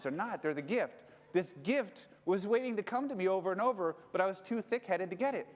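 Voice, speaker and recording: A relationship coach with a high-sitting voice tells a personal story casually, recorded in a big-sounding room. He's candid and swears freely, getting heated as he retells the fight.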